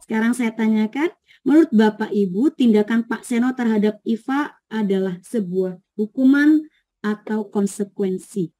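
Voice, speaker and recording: High mellow-voiced woman trainer. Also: moderate pace. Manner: explains patiently, checks agreement, reads out participants' answers. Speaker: teacher training presenter. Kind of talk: online training session.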